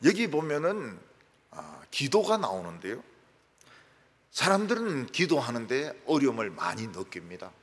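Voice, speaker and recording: A man preaching a sermon as pastor, animated and joking, acting out everyday phone calls and prayers. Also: mid-range voice, unhurried, slightly rough. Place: church sanctuary. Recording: reverberant church hall.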